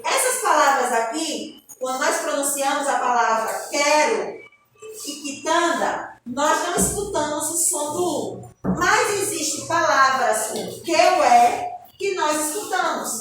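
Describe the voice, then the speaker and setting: A woman teaching young children a phonics lesson, speaking slowly and patiently with a Brazilian Portuguese accent and often asking the children whether they agree. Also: high voice, expressive, fairly bright tone, reverberant, slight background noise, low-quality recording. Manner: slow, patient, spells out sounds. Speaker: primary school teacher. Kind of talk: recorded classroom lesson.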